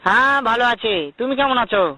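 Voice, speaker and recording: High, fast man in an angry cursing rant. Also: sharp tone, no echo, poor audio. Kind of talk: comedic phone-call dub.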